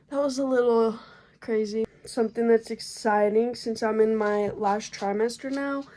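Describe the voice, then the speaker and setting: A young woman in late pregnancy talks through a casual vlog update at an unhurried pace, her voice sitting at a middling pitch. She is chatty and slangy, and she sounds a little out of breath. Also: a little mellow. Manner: chatty, slangy, laid-back. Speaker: vlogger.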